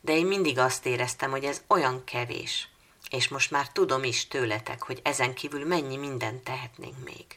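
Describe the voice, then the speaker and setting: A woman's voice: a bass voice, fairly bright tone. A woman reading as an earnest young girl.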